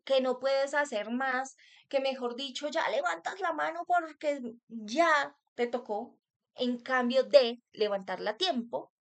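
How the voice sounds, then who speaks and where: A woman, a mother giving a talk on child wellbeing, earnest and direct, asking her listeners rhetorical questions. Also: on the high side. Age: adult parent. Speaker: parenting workshop speaker.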